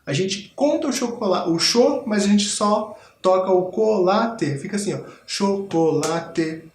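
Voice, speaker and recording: Brazilian teacher, male, high-pitched, patient explainer; echoey noisy room recording. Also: lively intonation, normal speed, a little mellow. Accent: Brazilian Portuguese. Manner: patient, explanatory, demonstrating body percussion. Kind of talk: school TV music lesson.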